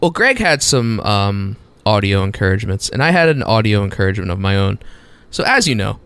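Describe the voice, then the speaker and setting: A young man co-hosting a podcast, telling a story in casual chat, animated and swearing. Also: fairly low pitch, brisk, smooth, dry recording. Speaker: podcast co-host.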